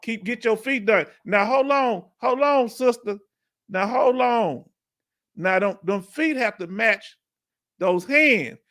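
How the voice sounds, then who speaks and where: A man's voice: very high-pitched, lively intonation, slow pace, fairly bright tone. A middle-aged man with a Houston, Texas accent, hosting a casual live Q&A stream in a laid-back, chatty way and laughing often. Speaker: livestream host.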